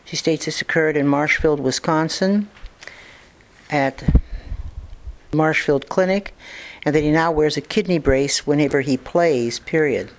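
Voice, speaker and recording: A clinician dictates a report, saying punctuation marks aloud and spelling out names in a steady, matter-of-fact way with the occasional filler. The mid-range voice is a little slow, with long pauses.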